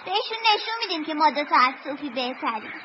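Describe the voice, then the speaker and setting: A woman dubbing a young boy in a film, calm and soothing, reasoning with his sister. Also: sits high, muffled recording, a little hiss or hum.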